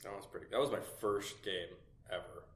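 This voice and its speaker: Man, lowish voice, wry laid-back tabletop player, casual chat, echoey room. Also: fairly quick.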